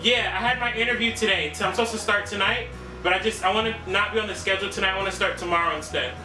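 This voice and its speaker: Oblivious, insistent new hire, played by a young man, rambling deadpan on a prank call, echoey room with music. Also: sits high, rapid-fire, close to an everyday voice. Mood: earnest, insistent. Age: young adult. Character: insistent, oblivious new fast-food employee named Christine. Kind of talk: improvised prank phone call. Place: small living room. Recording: roomy, distant camera sound, music.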